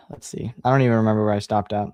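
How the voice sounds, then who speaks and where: A man hosting a livestream, chatting casually and reading a horror book aloud in a relaxed, sighing manner. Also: fairly low pitch, quick pace, no echo, muffled recording. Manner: relaxed, sighing, laid-back.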